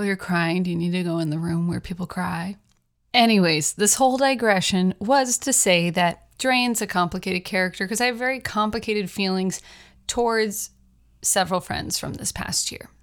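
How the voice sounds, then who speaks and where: A young adult woman hosting her own podcast, telling personal stories in a chatty, rambling way with frequent laughs. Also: mid-range voice. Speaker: podcast host, writer. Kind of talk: casual personal monologue.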